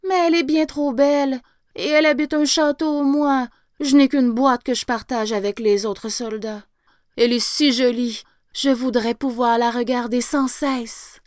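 A woman's voice: high voice, fairly even intonation, a little slow, a little mellow, dry recording, studio quality. A woman voicing a shy, lovestruck tin soldier in a storybook reading, musing wistfully.

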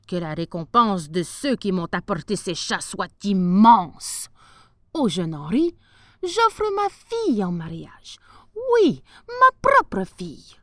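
A woman voicing an excitable old male sultan who speaks grandly and exclaims loudly. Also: fairly high pitch, dry recording, studio quality, voice pushed up.

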